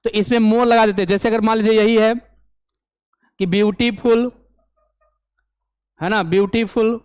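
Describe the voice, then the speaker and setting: A man teaching an English grammar lesson for an exam, explaining step by step and often asking if it is clear. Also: sits high, fairly even intonation, a little slow, darkish tone, no room sound. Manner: explains step by step, keeps asking "clear?" and answering his own questions.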